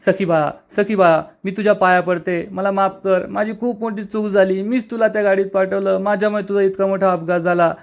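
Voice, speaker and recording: A man's voice: sits high, little pitch movement, brisk, few pauses. A man voicing a scheming older woman who puts on melodramatic, pleading remorse, retold in a serial recap.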